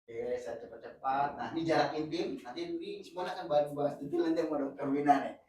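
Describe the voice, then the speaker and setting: A man teaching a communication workshop, lively and joking, switching between casual slang and formal teaching. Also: a little high, fast. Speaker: communication trainer. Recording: echoey room, mic far off, faint noise.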